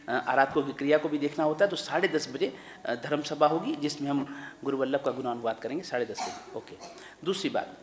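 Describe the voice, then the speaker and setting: Man preaching to his congregation, fervent, repeats himself, kinda high voice, big echoey temple hall. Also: a bit bright, a little hiss or hum. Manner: fervent, repetitive, calls listeners "bhaiya". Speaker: Jain monk leading a congregation. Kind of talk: religious address to a congregation. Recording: echoey hall with long reverb.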